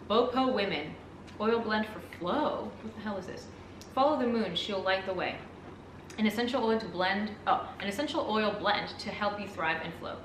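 A woman who speaks English as a second language, chatting casually as she unboxes products, reads labels aloud and swears with excitement. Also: medium pitch, reverberant, recorded from a distance, a little hiss or hum. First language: not English. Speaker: vlogger reviewing products.

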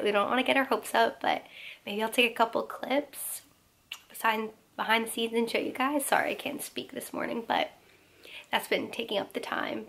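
A woman in her twenties chatting casually to a handheld camera in a vlog, upbeat and talkative with quick asides. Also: a little high, creaky, fairly bright tone. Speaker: vlogger. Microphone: phone or camera held at arm's length.

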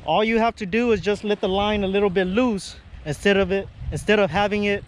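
A man in his thirties talking casually to an action camera on a lakeshore, explaining his fishing between bursts of excitement. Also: high voice, fairly quick, slight background noise. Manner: relaxed, chatty, breaks into excited exclamations. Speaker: fishing vlogger. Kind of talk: casual outdoor vlog narration. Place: lakeshore outdoors. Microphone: action camera on body.

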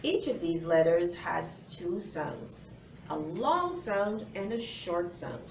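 A woman's voice: on the low side, big pitch swings, slow. Woman teacher talking to little kids, encouraging, roomy classroom, bit distant with faint noise. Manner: encouraging, addresses young children directly. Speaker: phonics teacher. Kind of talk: children's lesson presentation. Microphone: far camera.

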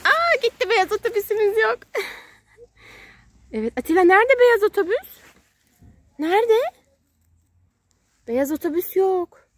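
A woman with an extremely high, widely swinging voice narrates toy play for a small child at an outdoor sand and gravel pile, speaking at a measured pace and pausing often. She's a parent on a kids' channel, using playful, simple, repeated sing-song phrases and questions. The recording is dry.

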